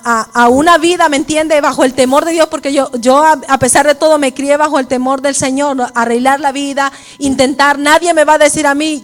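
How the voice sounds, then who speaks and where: A woman preaching a sermon at a women's church service, mixing personal testimony with preaching and often asking her listeners if they follow. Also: sits high. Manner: repeats "¿me entiende?" to the listeners.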